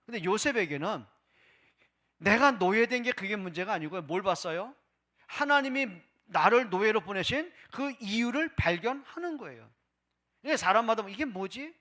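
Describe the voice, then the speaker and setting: A male pastor preaching a Sunday sermon, asking rhetorical questions and voicing people's doubts, swinging between loud and hushed. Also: high-pitched, lively intonation, moderate pace. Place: church service.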